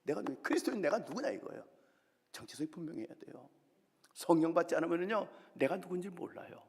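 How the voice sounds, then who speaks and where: An older male pastor with a slightly high, gravelly and husky voice preaches a revival sermon. He tells his stories animatedly, switching between character voices and sudden whispers. His voice rings through a long church hall reverb. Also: expressive, fast talker. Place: church sanctuary.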